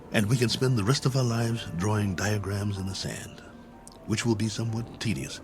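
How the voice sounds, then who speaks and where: In a 1960s television drama, an American actor uses his natural, fairly low male voice to portray a stranded one-armed colonel, weary and wry. He explains in plain, halting phrases, moving from patience to exasperation, with music under the old TV audio.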